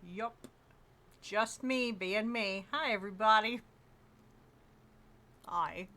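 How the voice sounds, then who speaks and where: A woman's voice: mid-range voice, slow pace, pushed and bright. A woman streaming a game, chatting casually and bluntly with friends and swearing freely. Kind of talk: casual gaming stream chat. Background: elevator music from her voice mod.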